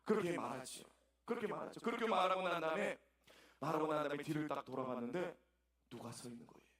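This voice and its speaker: A man's voice: on the high side, fast, fairly bright tone, very echoey. Man, pastor, sermon, emphatic, repeats words, church, distant mic. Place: church sanctuary.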